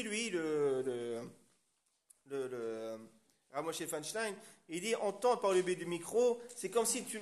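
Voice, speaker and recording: A man teaching a religious class, explaining step by step and often checking that the class follows. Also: high voice. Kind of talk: Torah class lecture.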